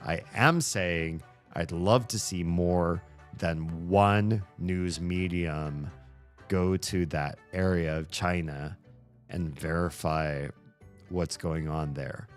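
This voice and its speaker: Sitting low in pitch, a man streams and responds to chat casually and hesitantly, thinking out loud with many pauses and fillers.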